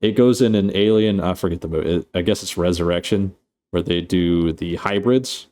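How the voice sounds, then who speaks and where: A man's voice: low voice, moderate pace, mellow. A man casually recapping a movie plot, rambling and swearing, full of fillers and restarts. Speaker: movie reviewer.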